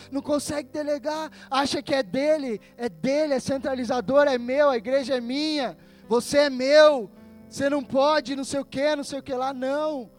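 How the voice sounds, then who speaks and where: A male pastor with a Brazilian Portuguese accent preaches a sermon in a very high voice. He swings between loud, emphatic passages and hushed asides.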